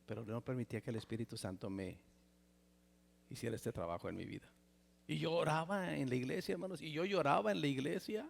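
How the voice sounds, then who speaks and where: A Mexican man in his sixties preaching a personal testimony sermon in a church, with a Mexican Spanish accent, swinging from loud exclamations to near whispers. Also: medium pitch, lively intonation, a little fast, gravelly, a little hiss or hum. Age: 60s. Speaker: pastor. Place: church sanctuary. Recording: reverberant church hall.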